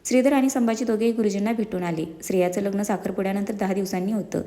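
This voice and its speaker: Woman reading a serial story, warm soft tone, big reverby room. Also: mid-range voice, fairly even intonation, fast talker. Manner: reads every character's lines in her own voice.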